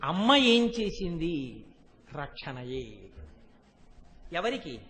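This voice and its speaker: A man giving a devotional storytelling sermon, asking his listeners rhetorical questions and reciting verses in a slow chant. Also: fairly high pitch, big pitch swings, a bit bright, big-room sound. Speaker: religious discourse speaker.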